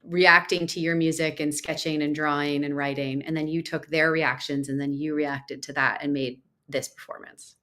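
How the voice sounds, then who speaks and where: A woman hosts a livestream interview over a video call, and her praise spills out eagerly. Her voice sits on the low side for a woman. She talks in an effusive, excitable way. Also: moderate pace, hardly any pauses. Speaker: host and music mentor.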